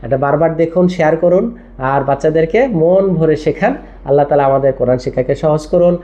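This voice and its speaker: A Quran teacher, giving a tajweed lesson. The teacher spells words out letter by letter and then drills them slowly. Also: medium pitch, warm tone. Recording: dull lo-fi recording.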